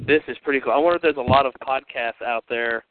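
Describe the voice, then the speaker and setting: Man, heard over a phone line, chatty, rambling, smooth voice, tinny phone sound. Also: mid-range voice, fast, dry recording. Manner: chatty, upbeat, rambling with fillers. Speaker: podcast host. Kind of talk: casual chat.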